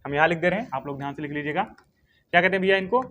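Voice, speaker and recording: A man's voice: fairly high pitch, rapid-fire, bright, forceful tone. A man teaching a history coaching class, who asks questions, answers them himself and repeats the key names again and again. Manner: drills key names by repetition, dictates notes.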